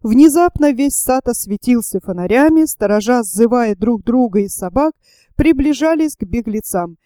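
A woman reads a novel aloud in a steady, measured audiobook style. Her voice sits a little high, yet it sounds dark and mellow. The recording is close and dry. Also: no echo. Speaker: narrator.

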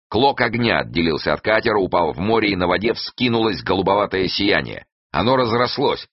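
A man reading an adventure novel aloud as narrator, with expressive storytelling. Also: sits low, no room sound, dull audio. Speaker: audiobook narrator. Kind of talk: scripted narration.

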